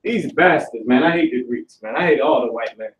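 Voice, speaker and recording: In an indoor classroom with a stage and banners, a young teacher leads a live class, grilling students with questions in loose, profane street speech. His mid-range voice is lively and fairly quick, captured from a distance in an echoey room.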